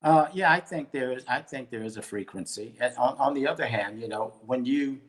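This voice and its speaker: An older male bishop teaching in conversation with a plain mid-range voice. He talks at a measured pace and restarts phrases as he thinks. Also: medium pitch. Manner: measured, repeats words as he thinks. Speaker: bishop and guest.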